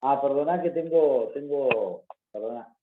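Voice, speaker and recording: A male student asks a halting question in an online class while his call audio breaks up. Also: medium pitch, reverberant, phone-quality sound, noisy background. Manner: halting, restarting words. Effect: audio breaking up on a bad connection. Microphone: video call.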